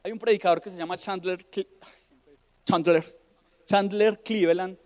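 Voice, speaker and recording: A man's voice: high voice, steady tone, moderate pace, darkish tone. A man preaching a sermon as a pastor, telling stories with playful put-on voices. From Colombia. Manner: playful storytelling, acting out voices, laughing. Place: church hall. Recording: hall reverb.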